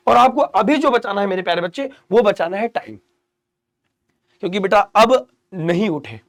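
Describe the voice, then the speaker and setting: A young man giving students earnest exam study advice, with loud emphatic pushes and hushed, intense pep talk. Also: high voice. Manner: earnest, addresses students as "beta" and "mere pyare bachche". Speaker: teacher. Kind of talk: motivational study-advice lecture.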